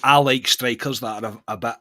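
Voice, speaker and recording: A man's voice: medium pitch, fairly even intonation, brisk, crowd noise. A man with a Scottish accent hosting a casual football podcast, chatty and friendly, calling people "mate". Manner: friendly, says "mate" a lot. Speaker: podcast host.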